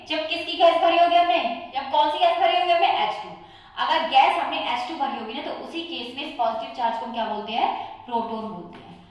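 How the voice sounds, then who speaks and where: Woman teacher, high voice, quizzing and self-answering, distant mic in a very echoey room. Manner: poses questions and answers them herself. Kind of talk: exam-prep chemistry lecture.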